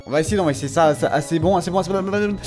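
A man giving excited live commentary on his own mobile game matches, groaning, swearing and shouting at the game. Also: fairly high pitch, fast talker, faint music behind. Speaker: gamer streaming a mobile game tournament.

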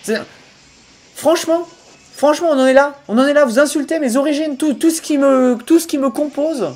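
Soft music plays behind a very high-pitched, brisk young man from the Sarthe who chats casually with his livestream audience through a headset mic while gaming in a small home room. He swings between playful fake outrage, lots of laughing, and loud excited outbursts, all in a Sarthe French accent.

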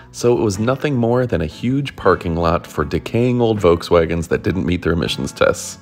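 A man hosting and narrating a casual documentary in an upbeat way, with jokey asides. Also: fairly low pitch. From Detroit area. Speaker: host and narrator.

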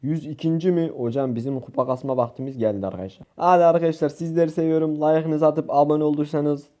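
A young man from Turkey, a gaming YouTuber giving excitable live gameplay commentary, shouting at teammates and repeating words rapidly. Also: fairly high pitch.

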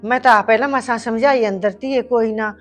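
An actress playing a bossy, sharp-tongued middle-aged mother-in-law in a short film drama, talking in a scolding, two-faced way. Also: fairly high pitch, fairly quick, faint music behind, close to an everyday voice. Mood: pleading, plaintive.

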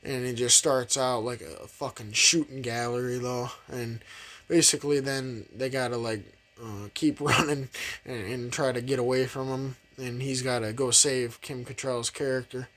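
A man's voice: medium pitch, steady tone, moderate pace, a bit bright. Rambling, profane young man reviewing a film. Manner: rambling, profane, heavy use of fillers; laughs often while talking. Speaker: movie reviewer. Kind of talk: casual movie review.

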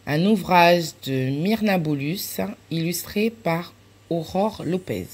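Animated woman storyteller, unhurried. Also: lowish voice. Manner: animated, acts out laughs and cries. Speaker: library storyteller. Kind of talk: reading a children's picture book aloud.

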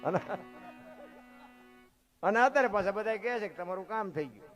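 Male folk preacher, high voice, guitar playing behind. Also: normal speed. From Surendranagar, Gujarat. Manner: preachy, lively folk storyteller. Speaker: folk literature speaker. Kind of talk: dayro storytelling talk.

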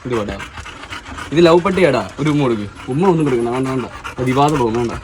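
A man's voice: medium pitch, lively intonation, rapid-fire, noisy background. A man vlogging casually, teasing and chatting to his pet dog.

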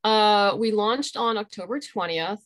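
This interview guest, a middle-aged woman who makes graphic novels, talks a little slowly in a fairly bright, medium-pitched voice. She explains things conversationally over a video call from a room at home, picked up by her computer's microphone.

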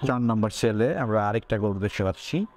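A man's voice: fairly low pitch, expressive, a little fast, a little mellow. A man hosting a farm video, asking a farmer about his cattle and nodding along as he answers. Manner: asks questions, nods along with "accha, accha". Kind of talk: casual on-site interview.

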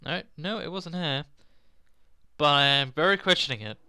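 A man's voice: a little high, moderate pace, bright, forceful tone, clean tone, no echo. A man casually commenting on his gameplay, often laughing and making mock-exasperated asides. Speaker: let's play gamer.

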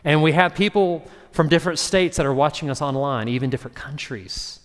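A pastor delivers a conversational sermon in a church sanctuary, briefly acting out voices from his story. His voice sits a little high and moves fairly quickly. The recording carries a long hall reverb.

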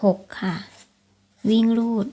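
A woman's voice: slow, dark tone. A woman hosting a casual tips vlog, explaining things to viewers, repeating her points and often checking for agreement with polite particles. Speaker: lottery tips channel host.

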